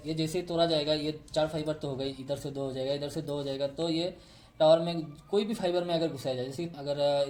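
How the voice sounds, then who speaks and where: A man's voice: on the high side, a little mellow, a little hiss or hum. A man explaining step by step how fiber optic cables are tapped and connected, pointing to a diagram he drew. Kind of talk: technical tutorial.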